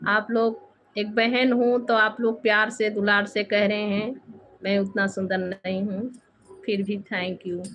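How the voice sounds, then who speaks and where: A woman hosting a casual live stream from home, softly chatting with viewers and often thanking them. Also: medium pitch, little pitch movement, a little slow, lo-fi sound, slight background noise. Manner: soft-spoken, devotional, thanks viewers often. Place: home with two bedrooms and a temple.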